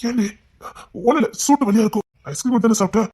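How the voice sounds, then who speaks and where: A woman playing a husky-voiced tender husband. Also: a little high, quick pace, close to an everyday voice. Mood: anxious. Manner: gentle and coaxing, turning frantic. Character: young husband, tender and anxious.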